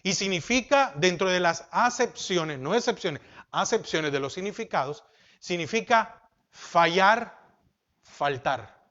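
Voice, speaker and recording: Pastor guy preaching slow n emphatic, high voice, dull lo-fi recording. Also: expressive. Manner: preaching with rhetorical questions to the congregation; slow and emphatic, swings from loud to soft. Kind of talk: sermon.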